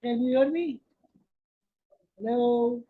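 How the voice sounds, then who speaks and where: A woman tutor talks over an online call that keeps dropping out, so her voice comes and goes. Her voice is husky and breathy and sits a little high. The audio is narrow and phone-like. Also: slow pace. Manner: repeats checks of whether she can be heard. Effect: online call cutting in and out.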